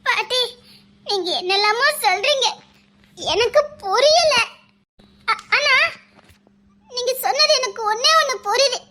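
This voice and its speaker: A woman's voice: very high voice, measured pace, pauses often, background noise. A woman playing a sincere, unsure young granddaughter-in-law, with a Tirunelveli Tamil accent.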